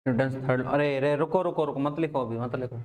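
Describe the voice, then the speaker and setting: A man's voice: mid-range voice, fairly even intonation, a little fast, darkish tone. A man teaching physics in a casual classroom lecture, repeating questions to his students.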